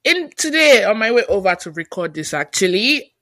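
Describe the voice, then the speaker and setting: A woman co-hosting a podcast, chatting casually with a playful, teasing edge and bursts of mock exasperation. Her voice sits at a middle pitch and is recorded close and dry, with no room sound. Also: very animated, normal speed, a bit bright, dry recording. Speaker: podcast co-host. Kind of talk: casual chat.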